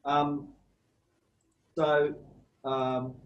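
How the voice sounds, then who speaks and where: A man with an Australian accent giving a slow, measured guest lecture over a video call, pausing often with ums. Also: on the high side, level tone, reverberant, lo-fi sound. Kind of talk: online academic lecture.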